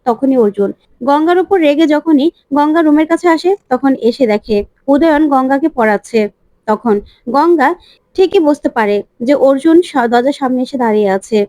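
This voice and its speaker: A woman briskly retelling a TV serial episode, linking each scene to the next. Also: high-pitched, warm tone, no echo. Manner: brisk, connective storytelling. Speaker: story recap narrator.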